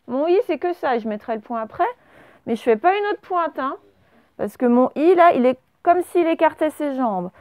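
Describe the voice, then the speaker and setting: A woman's voice: high voice, lively intonation, normal speed, a little mellow, no echo. A woman teacher giving a classroom dictation, spelling words out letter by letter and quizzing her pupils. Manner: asks pupils questions and praises answers. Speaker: primary school teacher.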